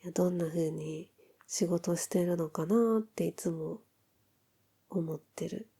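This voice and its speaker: Casting: woman as tender newlywed wife, soft-spoken pillow-talk role-play, very soft dark tone, unhurried and intimate. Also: fairly low pitch, slightly rough. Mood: affectionate, curious. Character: affectionate newlywed wife chatting softly in bed.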